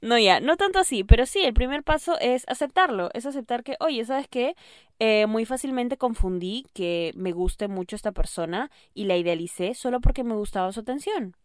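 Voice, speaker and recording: A woman hosting an advice podcast, speaking affectionately to the listener and often checking in with a quick question. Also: fairly high pitch, animated, no room sound, clean studio sound. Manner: affectionate, calls listener "mi amor", keeps asking "¿ok?". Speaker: podcast host. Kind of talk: advice monologue.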